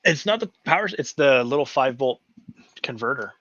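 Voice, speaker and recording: Bright, lively man on a live stream. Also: mid-range voice, normal speed, dry recording. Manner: casual, thinking aloud while troubleshooting. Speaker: livestream co-host building a 3D printer. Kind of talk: casual live-stream chat. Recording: dull lo-fi stream audio.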